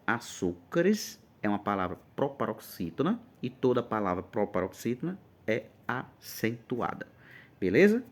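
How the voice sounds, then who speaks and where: Brazilian man at a middle pitch, energetic exam-prep tutor, emphatic and chatty. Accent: Brazilian Portuguese. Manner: lively, emphatic, checks in often. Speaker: Portuguese teacher for exam prep. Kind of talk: informal exam-prep lesson.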